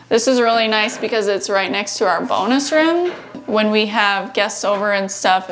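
A woman casually narrating a tour of her family's farmhouse, chatty and relaxed. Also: mid-range voice, slight background noise. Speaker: homesteading vlogger.

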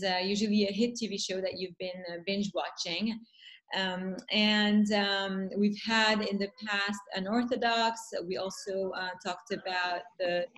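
A woman's voice: medium pitch, poor audio. French-accented woman hosting an online panel. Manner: hesitant, many fillers, warm welcoming. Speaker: festival founder hosting a panel. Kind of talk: introducing guests on a live video panel. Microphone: video call.

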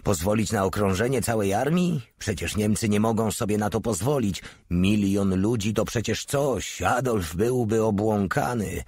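A man voicing a panicky young soldier who shouts in alarm. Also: fairly low pitch, moderate pace, few pauses, slightly rough, no echo, studio quality.

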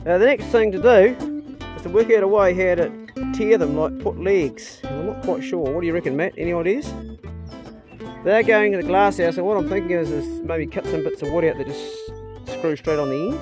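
A man's voice: sits high, fairly quick, over music. A man with a broad New Zealand accent chatting casually for a DIY vlog in a blokey, matey way, recorded outdoors on a handheld phone. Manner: blokey, matey, laid-back swearing. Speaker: vlogger. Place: outdoors on a rural property.

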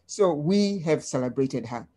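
A woman from Tanzania presenting slides on a webinar in a measured way, with frequent ums, over a video call. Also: deep voice, expressive, dark tone, breathy edge.

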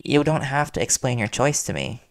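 The role here is a worried, devoted young reporter boyfriend, voiced by a man in an intimate audio roleplay with earnest, soothing lines and hesitant pauses. His medium-pitched voice swings widely in pitch, and the mood is accepting and reassuring.

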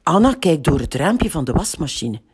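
A woman with a Flemish accent reading a picture book aloud to children, in a slow and expressive way. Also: deep voice, husky. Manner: slow, lively, expressive storytelling. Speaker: library storyteller.

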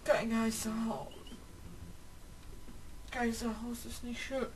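A woman's voice: on the high side, little pitch movement, slow pace. A young woman casually commenting on a video game, bickering with her sister in slangy, exclaiming talk. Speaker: let's play co-host. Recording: distant mic with faint noise.

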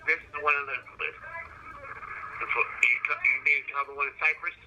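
A diner employee on a customer service call, halting and puzzled, heard through a phone speaker. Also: medium pitch, fairly even intonation, lo-fi sound. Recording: phone speaker with clear noise.

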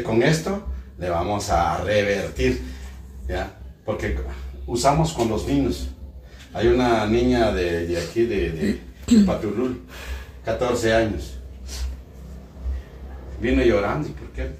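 A man's voice: lowish voice, lively intonation, measured pace, long pauses, a little mellow, a little hiss or hum. A man, a folk healer giving a patient short repeated commands during a hands-on treatment while explaining what he does. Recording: roomy room, mic at a distance.

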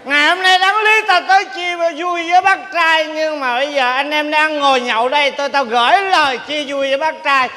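A blustering tipsy drinker. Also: male voice, extremely high pitch, fairly even intonation, brisk, hardly any pauses, sharp tone, full character voice. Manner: blustering, pompous speeches. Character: boastful tipsy man leading a drinking round. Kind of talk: stage comedy sketch. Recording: reverberant stage hall with faint noise.

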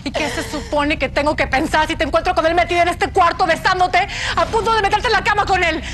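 A woman's voice: very high-pitched, fairly even intonation, fast talker, fairly bright tone, a little hiss or hum. An actress playing a stern, controlling young woman in a telenovela, reproachful and authoritative. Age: young adult. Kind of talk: telenovela acting. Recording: dramatic music behind the dialogue.

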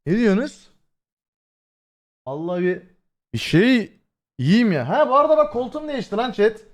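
In a high, sing-song voice at normal speed, a young streamer rambles through casual chat with his viewers, using plenty of fillers, swearing freely, and addressing chat directly. His voice has been hoarse lately.

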